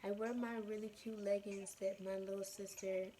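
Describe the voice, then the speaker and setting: A woman host giving a casual, reflective monologue to her followers, earnest and meandering, circling back over her phrases in a creaky voice. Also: medium pitch, flat delivery, moderate pace, warm tone, a little hiss or hum. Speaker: spiritual self-love podcast or vlog host.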